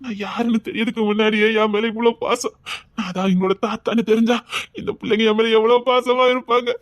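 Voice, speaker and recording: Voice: medium pitch, steady tone, no room sound, highs cut off, natural voice. A performer playing a doting old grandfather, Tirunelveli accent. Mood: sorrowful. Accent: Tirunelveli Tamil. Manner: slow, fond and pleading, breaking into sobs. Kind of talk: skit acting.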